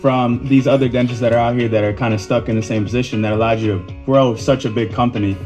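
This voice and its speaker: A man's voice: medium pitch, fast talker, soft background music. A man interviewing a guest in a casual, slangy way, asking about money and background. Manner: relaxed slangy questioning.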